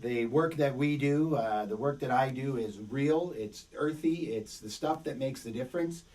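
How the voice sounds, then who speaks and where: A middle-aged business coach teaches a webinar in an emphatic, repetitive, motivational style while fighting a cold that has left his voice a bit worn. He speaks at medium pitch and a moderate pace, sounding a little mellow, and he's recorded from a distance.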